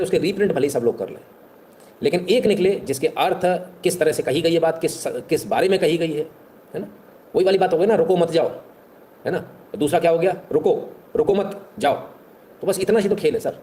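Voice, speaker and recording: A man talks fast to his viewers in a mellow voice. He speaks rhetorically and keeps checking in with the listener, turning lively when he makes a point. A faint hum sits behind him. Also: high voice. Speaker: online history talk host. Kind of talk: casual talk to viewers.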